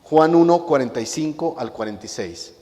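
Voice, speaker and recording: A man's voice: on the high side, animated, moderate pace, mellow. A male pastor preaching a sermon to his congregation, emphatic and full of rhetorical questions, often repeating a key word for weight. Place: church hall. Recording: long hall reverb.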